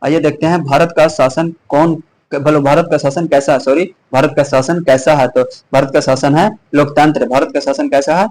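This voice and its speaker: Hoarse man drilling exam questions. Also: fairly high pitch, fairly even intonation, moderate pace, a little mellow, low-quality recording. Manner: repeats each question and answer, with many restarts. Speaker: teacher. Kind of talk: quiz-style exam revision lesson.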